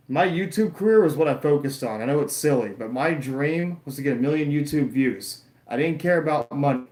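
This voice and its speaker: A man's voice: a little high, darkish tone, roomy sound. A man in his late twenties, chatting casually and rambling to viewers while watching a wrestling show live, answering chat and poking fun at himself. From Florida. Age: 20s. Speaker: YouTuber streaming a wrestling watch-along.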